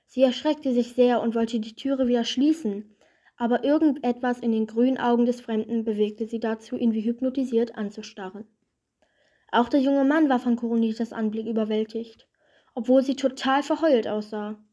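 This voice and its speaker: Mellow woman reading a fairy tale. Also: a little high, steady tone, moderate pace. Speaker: storyteller.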